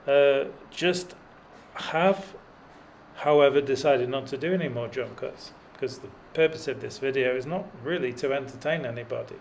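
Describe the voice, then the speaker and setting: A middle-aged man riding up a mountain road offers rambling, dry, self-deprecating remarks packed with fillers for his cycling vlog. He speaks at a normal speed in a medium pitch, and there's slight background noise.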